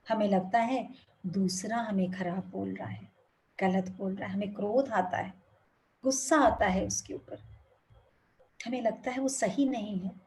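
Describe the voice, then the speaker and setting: Mellow woman telling a moral story. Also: medium pitch, unhurried. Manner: gentle, expressive narration with moral asides. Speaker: spiritual speaker. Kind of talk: storytelling talk. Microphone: video call.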